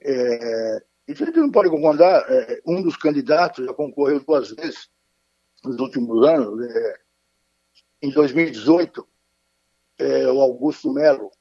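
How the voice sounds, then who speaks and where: A man's voice: mid-range voice, expressive, a little slow, long pauses, dark tone, husky, no echo. A man speaking formally as a radio guest over a choppy phone line that keeps breaking up, with frequent hesitations. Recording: muffled dry phone call.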